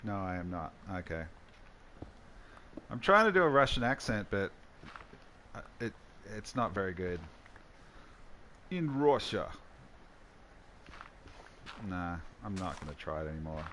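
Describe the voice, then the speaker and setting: A man's voice: deep voice, animated, moderate pace, pauses often, pushed and bright, a little hiss or hum. A man hosting casual gameplay commentary, musing and thinking aloud as he plays. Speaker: host.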